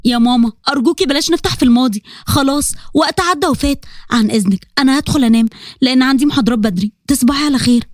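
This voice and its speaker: A woman's voice: high voice, very fast, darkish tone, dry recording, clean studio sound, lightly acted. A woman voicing an affectionate teenage daughter with an Egyptian accent, coaxing her father. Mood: sad. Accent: Egyptian Arabic.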